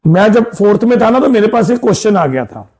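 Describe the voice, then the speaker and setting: A man's voice: high-pitched, very animated, fairly quick, darkish tone. A man teaching English grammar to school students, explaining patiently, repeating points and often checking that they follow. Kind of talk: classroom grammar lesson.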